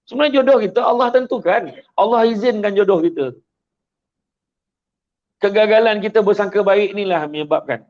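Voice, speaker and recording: A man with a Malaysian Malay accent giving a religious talk, telling a story with acted-out voices. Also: high voice. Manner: animated, acts out story voices. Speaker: host giving religious advice. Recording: dull lo-fi sound.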